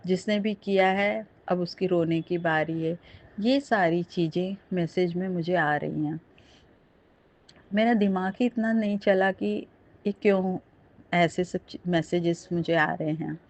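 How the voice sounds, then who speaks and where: A middle-aged woman earnestly tells a devotional testimony as a satsang storyteller, speaking directly to her listeners. Her voice is fairly low-pitched and darkish, captured in a dull lo-fi recording.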